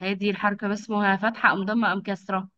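A woman teaching young children over a video call, with patient, drawn-out enunciation and frequent praise. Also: mid-range voice, little pitch movement. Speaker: kindergarten teacher. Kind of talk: online phonics lesson for young children. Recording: dull lo-fi video call audio.

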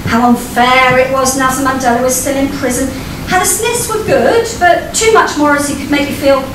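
A middle-aged Englishwoman with a high voice reads her own short story onstage in a small vaulted performance venue, her phrasing deliberate, wry and theatrical. It's a live, expressive storytelling reading captured from afar on a distant camera microphone. The recording is echoey and the room noisy, with live audience ambience behind her.

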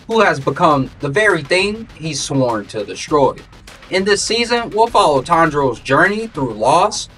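A man's voice: on the high side, pushed and bright, distant mic. A man narrating an anime recap from a script in a dramatic, ominous manner, like a movie trailer voiceover. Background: music.

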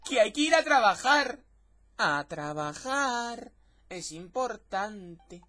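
A man's voice: extremely high pitch, normal speed, bright, forceful tone, exaggerated voice. Impatient village boy in a game, put on by a male player, raised and pushy, nagging with a lifted voice. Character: impatient young village boy waking his friend.

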